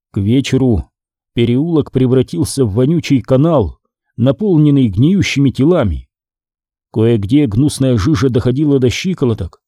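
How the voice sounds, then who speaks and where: A man reading a horror audiobook in a measured, expressive storytelling manner. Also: mid-range voice, no echo, studio quality. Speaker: audiobook reader. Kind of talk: scripted horror audiobook narration.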